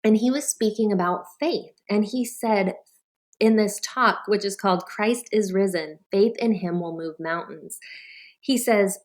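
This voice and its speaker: A woman's voice: mid-range voice, unhurried. Earnest woman telling a personal story. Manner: earnest storytelling, acts out her own thoughts. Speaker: life coach. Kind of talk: talk to an audience of moms.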